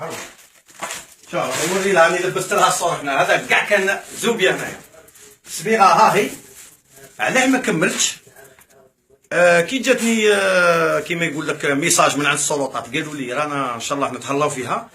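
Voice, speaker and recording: Fast-talking Algerian man, bright voice. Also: fairly high pitch. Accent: Algerian Arabic. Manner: excited, thanks donors, gives running commentary. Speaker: vlogger filming a charity visit. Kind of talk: casual to-camera talk. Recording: echoey room with faint noise.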